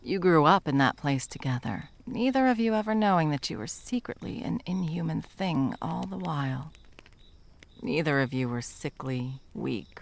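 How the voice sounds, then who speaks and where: With a bass voice and vocal fry, a woman performs intimate ASMR roleplay as a wry, menacing monster hunter sadly in love. She sounds sardonic and explanatory, her theatrical delivery slipping into whispers.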